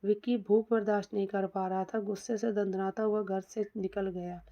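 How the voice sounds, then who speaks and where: Mellow-voiced woman telling a story. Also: mid-range voice, little pitch movement, normal speed. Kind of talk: scripted story narration. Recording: dull lo-fi recording.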